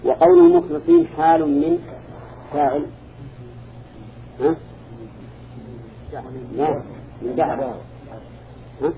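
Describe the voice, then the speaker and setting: A man teaching a classroom lecture, speaking in a measured way and quizzing his students with short questions as he goes. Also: very high-pitched, huge pitch swings, gravelly, heavy background noise. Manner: measured, quizzes listeners with repeated "ha?" and "na'am". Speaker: teacher of Quran interpretation. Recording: dull lo-fi recording.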